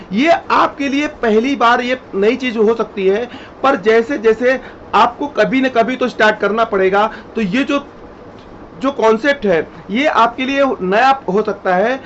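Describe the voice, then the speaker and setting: A man's voice: high voice, a bit bright. A man teaching chemistry in a classroom-style lecture, repeating each rule step by step and addressing students directly. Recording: dull lo-fi sound, faint noise.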